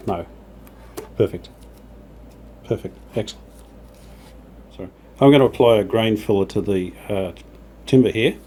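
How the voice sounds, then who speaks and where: The host of a hobby radio restoration channel, a man with a low, mellow voice, casually narrates his workshop jobs while working on them. Rubbing and sanding from his work are clearly audible as background noise.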